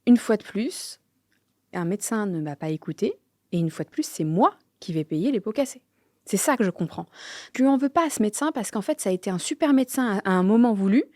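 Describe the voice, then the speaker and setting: A woman, telling her own story candidly, halting with many fillers and sometimes dropping to a near-whisper. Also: medium pitch, animated, darkish tone, no room sound, studio quality. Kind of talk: personal testimony.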